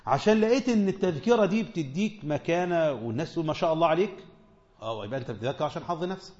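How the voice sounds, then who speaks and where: Lively Egyptian sheikh teaching a class. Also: male voice, a little high. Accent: Egyptian Arabic. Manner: animated, asks the audience questions, repeats short phrases for emphasis. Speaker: sheikh teaching a tafsir lesson. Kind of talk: colloquial religious lesson. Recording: dull, lo-fi sound.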